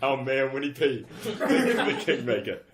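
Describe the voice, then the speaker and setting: A young New Zealand man guesting on a podcast, hungover and laughing often as he swears his way through stories. His pitch swings widely. The room around him is echoey. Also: big pitch swings, measured pace, fairly bright tone. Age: young adult. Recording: roomy echo.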